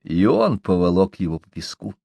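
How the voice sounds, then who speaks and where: A man narrating an audiobook of a novel in an expressive, dramatic reading style. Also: low-pitched, moderate pace, gravelly, slightly rough, dry recording.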